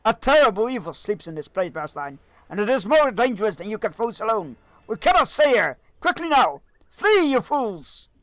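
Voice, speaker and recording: A man voicing an urgent, commanding old male wizard in a fantasy game, shouting warnings. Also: high-pitched, sing-song, moderate pace, hardly any pauses, no room sound, voice pushed up.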